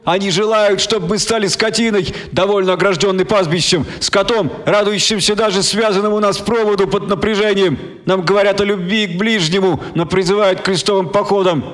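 A man's voice: high-pitched, steady tone, fairly bright tone, pitched above the performer's own voice. A man doing a fiery crowd-rousing orator. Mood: indignant. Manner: declaiming, rousing, slow rhetorical cadence.

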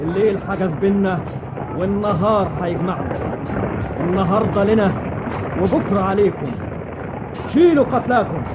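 A proud, roaring jinn king with a high-pitched, commanding voice. He declaims boldly like a warrior sultan in an old radio drama, over loud music and battle sounds. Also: animated, moderate pace, pauses often, lo-fi sound. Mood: stern, haughty. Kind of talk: theatrical radio drama acting.

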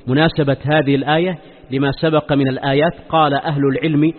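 A man giving a religious lesson in formal standard Arabic as a teacher, deliberate and given to repeating his phrases. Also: a little high, little pitch movement. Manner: deliberate, repeats phrases and poses rhetorical questions. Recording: long hall reverb, dull muffled sound.

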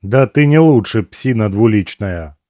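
A man's voice: mid-range voice, normal speed, mellow, dry recording, close to an everyday voice. A man voicing a foul-mouthed, scornful captive. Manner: swearing, scornful. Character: crude, irritable male captive nicknamed the dentist.

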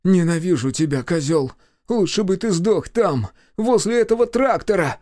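Male narrator voicing a high, screaming, hysterical kid brother; dry audiobook read. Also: lively intonation, normal speed, darkish tone, dry recording. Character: panicky hysterical younger brother, young man.

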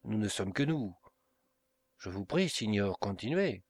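A man voicing a young Italian gentleman guest, speaking in a hushed, pleading way for an audiobook. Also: on the low side, very animated, unhurried, no echo, full character voice.

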